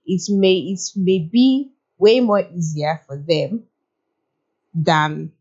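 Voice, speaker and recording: A woman's voice: fairly low pitch, slow pace, a little mellow, dull audio. A woman hosting a casual interview, asking chatty questions with light laughter. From Nigeria. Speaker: host.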